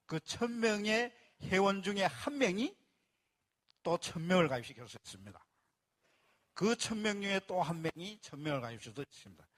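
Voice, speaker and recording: A man with a high, fairly bright, expressive voice pitches a membership plan to a live audience at normal speed. He walks through it step by step, repeats key phrases, and asks the crowd for applause.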